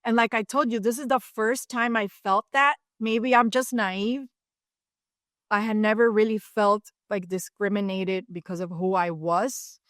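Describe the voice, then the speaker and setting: A woman in her fifties from Cuba, telling a personal story as a podcast guest with animated asides. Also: medium pitch, measured pace, no echo, studio quality. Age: 50s. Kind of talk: storytelling in an interview.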